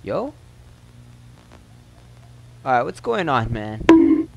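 A man's voice: mid-range voice, big pitch swings, drawn-out words, vocal fry, muffled recording, soft background music. A man playing a horror game, reacting in jumpy, exclamatory bursts with laughing asides. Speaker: gamer. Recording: loud game noise behind.

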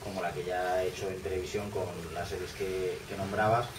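A man in his thirties talks casually at an author panel, chatty and full of restarts. His voice sits on the low side. The sound is distant and roomy, with a noisy café behind him. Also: flat delivery, brisk. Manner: chatty, many fillers and restarts. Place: small bookshop café, indoors. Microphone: far camera.

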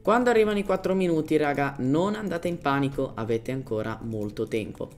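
A man's voice: on the high side, lively intonation, fairly quick, faint music behind. Man giving casual game tutorial commentary. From Germany. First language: German. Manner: informal, searches for words in Italian, drops in English terms. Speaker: gaming tutorial host.

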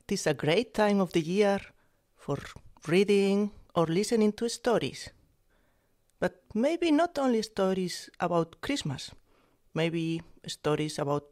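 A woman with a Spanish accent reading her own scientific fairy tale aloud, slowly and deliberately. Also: on the low side, a little mellow. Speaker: author reading her story. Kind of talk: storybook reading.

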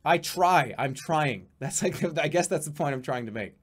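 On a live stream from his small home room, a thirtysomething man reads out donations and rambles casually, cursing and occasionally yelling with excitement. He speaks at a moderate pace in a fairly high, husky voice.

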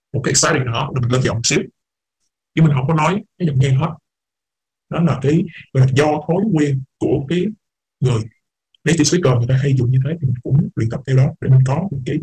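A man's voice: medium pitch, warm tone, husky, rough recording. A man teaching an English class, explaining patiently, repeating words and mixing English terms into his talk. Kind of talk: online class lecture.

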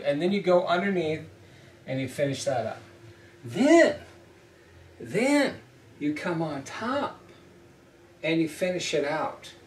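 Standing at a whiteboard in a small indoor room, a middle-aged instructor delivers a welding lesson on ship fitting, blunt and emphatic as he repeats points step by step. His slightly high voice is picked up from a distance by a camera mic a few feet off, leaving him off-mic with roomy echo and a little hiss or hum.

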